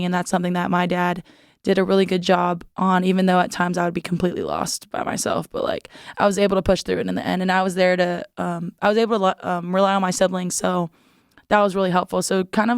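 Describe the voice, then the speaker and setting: A woman's voice: on the low side, smooth, no echo, clean studio sound. A young woman, a volleyball player, chatting as a guest in an interview, with many "like" fillers and frequent laughs. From United States. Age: young adult. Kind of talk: casual interview chat.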